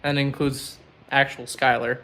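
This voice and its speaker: A man's voice: mid-range voice, little pitch movement, moderate pace, fairly bright tone. A young man talking candidly in a casual vlog, rambling and swearing now and then. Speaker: vlogger.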